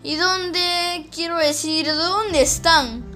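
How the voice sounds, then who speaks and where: A woman's voice: extremely high pitch, drawn-out words, bright, forceful tone, soft background music, pitched above the performer's own voice, exaggerated voice. A woman voicing a timid, curious young boy in a storybook reading, asking nervous questions.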